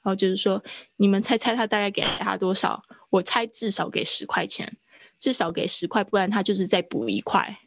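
A woman teaching a live online English lesson, explaining at length and stretching out words slowly to demonstrate them. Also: medium pitch, vocal fry. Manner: slow, drawn-out pronunciation demonstrations. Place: online class.

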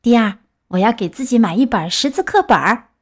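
Woman doing an eager, high-voiced puppet boy. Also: animated. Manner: eager, boastful, quick to protest. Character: naive excitable wooden boy puppet. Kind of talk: storybook reading.

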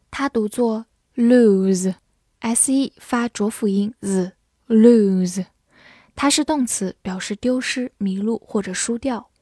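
A woman giving a scripted vocabulary lesson, spelling words out letter by letter and repeating them slowly. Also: a little high, darkish tone, husky, no room sound, clean studio sound. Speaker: English vocabulary teacher.

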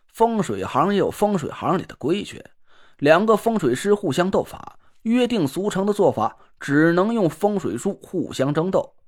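A man narrating a first-person story in a colloquial, wry, animated way. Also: high-pitched, normal speed.

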